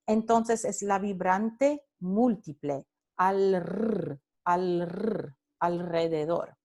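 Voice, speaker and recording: A woman's voice: fairly high pitch, darkish tone. A woman lecturing on phonetics over slides, explaining patiently, repeating example words to demonstrate sounds and adding short English asides for her students. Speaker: Spanish phonetics instructor.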